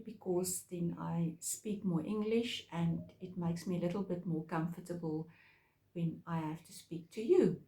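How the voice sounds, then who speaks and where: A South African craft podcast host whose first language is Afrikaans chats casually with her viewers in a mellow, lowish voice with an Afrikaans accent. She's hesitant, with many pauses and fillers, and the low-quality recording has an echoey room sound.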